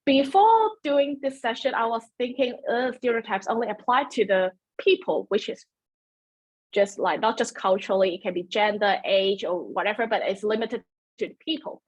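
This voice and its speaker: A woman who grew up speaking Cantonese hosts a webinar over a computer mic, sounding chatty and self-deprecating, with frequent fillers and restarts. Her voice is a little high and her pace moderate.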